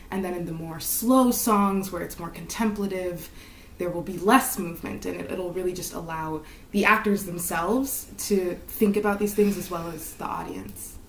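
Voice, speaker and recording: A woman's voice: lowish voice, gravelly, slight background noise. A woman talking earnestly about staging and movement in a casual interview, with nervous giggles. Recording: echoey room, a bit far from the mic.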